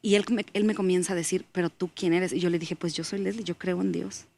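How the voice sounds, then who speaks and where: A woman's voice: lowish voice, fairly even intonation, fast, creaky, a little mellow. A woman, a guest giving an earnest faith testimony as she tells a story and acts out the dialogue in it.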